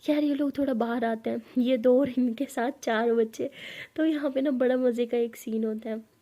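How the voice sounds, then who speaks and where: A woman's voice: on the high side, steady tone, normal speed, muffled recording. A woman telling a love story in a chatty, casual way, with asides to the listener.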